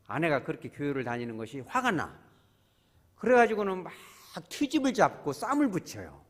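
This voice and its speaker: A man who is a pastor, preaching a sermon as animated storytelling with sudden shifts between loud and soft. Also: on the high side.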